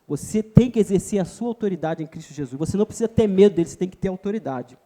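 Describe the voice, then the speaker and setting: Very high-voiced Brazilian man preaching. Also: lively intonation, very fast, dark tone. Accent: Brazilian Portuguese. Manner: emphatic, keeps addressing listeners as brother. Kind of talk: sermon. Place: church retreat.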